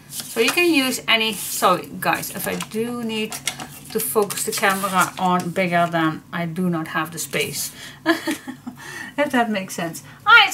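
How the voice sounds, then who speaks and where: A woman's voice: a little high, pushed and bright, slight background noise. A Dutch woman teaching a crafting tutorial in a chatty, giggly way, often correcting herself. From Netherlands.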